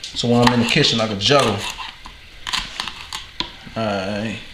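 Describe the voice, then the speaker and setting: A man's voice: on the low side, fairly even intonation, unhurried. A man from New Orleans with a New Orleans accent, casually chatting and joking with viewers while cooking in his home kitchen. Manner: slangy, rambling, joking to viewers. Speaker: cooking video host. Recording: echoey room with clear noise.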